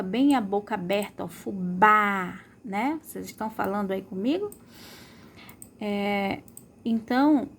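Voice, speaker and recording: A woman's voice: medium pitch, darkish tone, slight background noise. A woman teaching a remote school lesson, stretching out words to model their sounds and checking in with pupils often.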